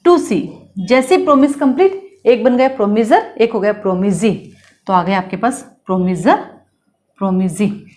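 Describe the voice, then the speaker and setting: A woman law teacher with an Indian accent, schooled in Hindi, lecturing in a lively way and repeating points with quick questions to her students. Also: mid-range voice. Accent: Hindi-medium Indian English words. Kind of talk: classroom lecture.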